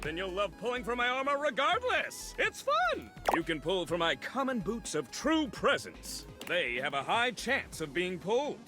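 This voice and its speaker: A man's voice: high-pitched, huge pitch swings, moderate pace, hardly any pauses, over music. An actor playing a cheerful armored loot-box salesman in a video game, using an upbeat customer service voice. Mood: excited sales pitch. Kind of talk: video game character acting.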